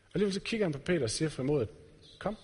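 Husky man preaching in a reverberant hall. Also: fairly high pitch, animated, darkish tone. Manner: earnest, direct questions to the congregation. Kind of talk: sermon. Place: church hall.

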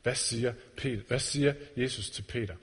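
This is a man preaching earnestly to a congregation, directing questions straight at them. His voice sits at medium pitch with a breathy edge, captured in a reverberant church hall.

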